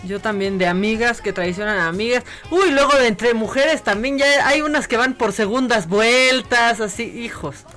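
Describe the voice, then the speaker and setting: A woman's voice: a little high, normal speed, hardly any pauses, fairly bright tone. Mexican woman co-host, casual gossip chat, playful and teasing, faint music under. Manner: playful, acts out pet names in mock voices.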